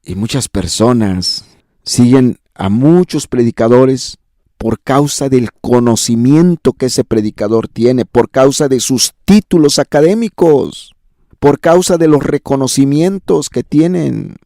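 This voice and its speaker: A male pastor delivers a sermon, building his points through repeated phrases and rising exclamations. His voice is mellow and dark, at an ordinary pitch for a man. The sound is dry and close, with little room around it. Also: unhurried, no echo. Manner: emphatic, repetitive preaching cadence with rising exclamations.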